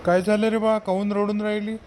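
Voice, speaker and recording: A man's voice: sits high, flat delivery, brisk, slight background noise, lightly acted. Man playing a kindly Varhadi father-in-law. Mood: concerned. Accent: Varhadi Marathi. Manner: soothing, gently lecturing. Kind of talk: village comedy skit.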